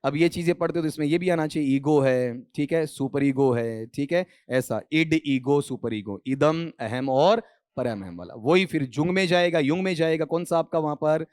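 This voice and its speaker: Higher-voiced man teaching a class. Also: moderate pace, a little mellow, clean tone, no room sound. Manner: calls students beta, asks the class questions, then answers them himself; mixes English grammar terms into his Hindi. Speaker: English teacher. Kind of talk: classroom lecture.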